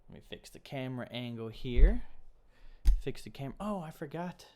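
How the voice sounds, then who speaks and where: A man's voice: medium pitch, expressive, moderate pace, warm tone. A young man hosting a casual live stream, chatting loosely with viewers while snacking at a table. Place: indoors at a table, eating snacks.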